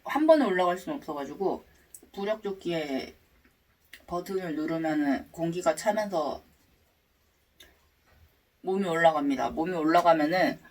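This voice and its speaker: A woman with a husky voice telling a personal story to viewers in a casual, expressive way, acting out her reactions. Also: on the low side, normal speed, long pauses, recorded from a distance, low-quality recording. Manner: expressive, acts out her reactions and sound effects.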